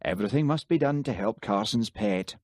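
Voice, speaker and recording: Reading an audiobook, a man voices a grudging, heartless detective given to sardonic remarks, pitching above his own natural voice. The delivery is lowish, darkish, expressive and a little fast, captured in a dry, clean studio recording.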